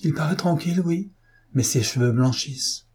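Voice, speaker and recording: A man's voice: on the high side, lively intonation, normal speed, darkish tone, husky, voice pushed up. A man reading an audiobook, voicing an anguished, tearful young aristocratic wife in a pleading manner. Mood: distraught. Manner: pleading, sobbing.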